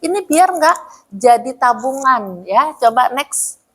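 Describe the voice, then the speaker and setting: A woman with a somewhat high, husky voice gives a casual, chatty teaching talk. She speaks straight to her listeners, calling them "Bu", and drops into the voices of the people she describes. She is recorded in a prayer room. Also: big pitch swings, slow, fairly bright tone. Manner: chatty, addresses listeners as "Bu", acts out quoted mothers. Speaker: health speaker at a women's study group.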